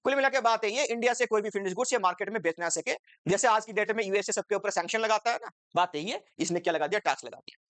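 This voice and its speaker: A woman's voice: medium pitch, fast talker, few pauses, dry recording. A woman teaching an exam-focused commerce lecture, asking the class rhetorical questions and switching between Hindi and English terms.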